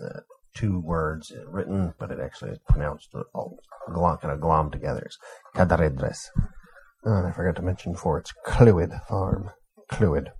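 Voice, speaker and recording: A man with a deep voice and a lot of rough fry walks through how to say a list of names. He talks in a relaxed, casual way and carefully repeats each name, slowing down on the harder ones. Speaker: book club reader giving a pronunciation guide. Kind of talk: casual spoken pronunciation guide.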